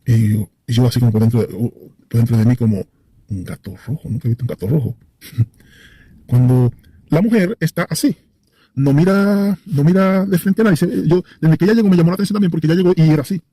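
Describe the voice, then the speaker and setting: A man's voice: a little high, fast, warm tone, no room sound. A man telling a personal story in a casual, vivid way, hesitating and searching for words, repeating phrases for effect.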